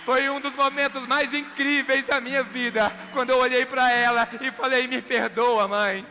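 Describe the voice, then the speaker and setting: Man in his thirties, very high voice, Minas Gerais accent, dramatic storytelling on stage, music playing behind. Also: level tone, moderate pace, pushed and bright. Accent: Minas Gerais Brazilian Portuguese. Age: 30s. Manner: dramatic, emotional, acts out dialogue. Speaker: motivational speaker. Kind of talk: live motivational storytelling. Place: event stage.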